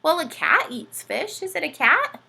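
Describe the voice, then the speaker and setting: Speaking at a normal speed in an extremely high, gravelly and creaky voice, an animated woman presents a playful storytime and read-aloud for kids alongside her puppet sidekick. She keeps turning to the children with question after question.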